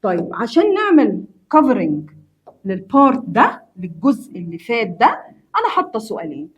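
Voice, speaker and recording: This clip has dull audio of a woman whose fairly high, slightly rough voice swings widely in pitch as she talks fairly quickly. An English teacher with an Egyptian Arabic accent, she addresses students directly on a grammar lesson, emphatically repeating key points and blending in English terminology.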